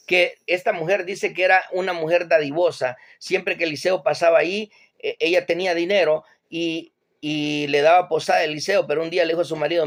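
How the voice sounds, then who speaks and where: A man retelling Bible stories in a plain, conversational way, as an informal teacher. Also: fairly high pitch.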